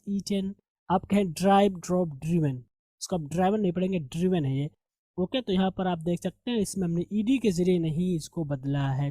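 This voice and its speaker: Male teacher, warm and dry, patiently walks through grammar rules in a recorded lesson. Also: high voice, no echo. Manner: explains step by step, asks and answers his own questions.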